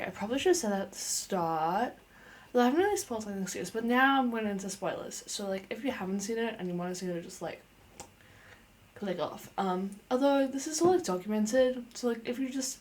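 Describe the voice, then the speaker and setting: A young adult woman giving an unscripted casual review as a vlogger, chatty and playful, talking with lots of fillers. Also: mid-range voice.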